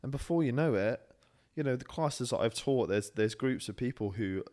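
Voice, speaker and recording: A man's voice: medium pitch, expressive, normal speed, a little mellow. A man in his thirties co-hosting a podcast, chatting casually and unscripted with laid-back, joking banter. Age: 30s. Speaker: podcast co-host, fitness class instructor.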